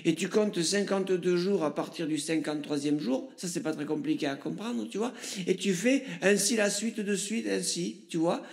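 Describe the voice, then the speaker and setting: A man putting on a deliberately silly voice as a know-it-all comic character explaining the days of the week. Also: high-pitched, creaky. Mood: goofy lecturing. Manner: silly voice, loud bright explaining. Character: goofy know-it-all male superhero character. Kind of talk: comic sketch monologue.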